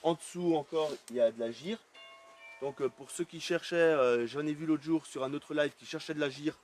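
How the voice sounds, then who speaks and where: A man's voice: a little high, moderate pace, darkish tone, a little hiss or hum. A man giving a casual live walkthrough of an aquarium shop, chatting loosely with plenty of fillers as he walks around. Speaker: aquarium shop tour host.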